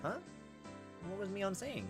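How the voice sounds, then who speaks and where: This let's player has a high-pitched voice and reads a visual novel aloud a little slowly but with animation. Music runs in the background while he reacts to the text casually, sometimes swearing.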